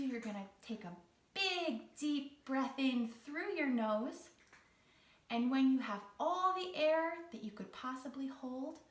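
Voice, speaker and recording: A woman who works as a children's read-along host and teaching artist leads young kids through a guided exercise and story, encouraging and theatrical, with carefully phrased lines. Her voice sits high with a fairly bright tone. She sounds distant from the mic, in a roomy echo.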